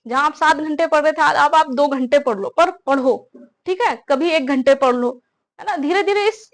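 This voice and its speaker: A young adult woman talking casually to students about exam preparation, often checking in with tag questions. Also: high-pitched. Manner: conversational, repeats tag questions, addresses listeners as brother. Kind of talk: casual advice talk to students.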